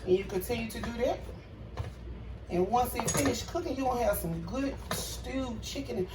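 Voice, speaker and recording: Lady chatting thru a home cooking vid, highish voice, echoey kitchen, phone kinda far off. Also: expressive, normal speed, background noise. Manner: chatty, talks to viewers as y'all. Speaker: cooking vlogger. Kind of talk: casual cooking vlog. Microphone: phone camera.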